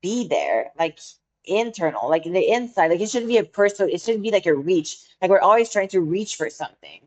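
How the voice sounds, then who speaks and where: This French-accented woman co-hosts a podcast in English, her second language, groping for words in an earnest, casual conversation. She speaks in a lowish voice that is animated and brisk.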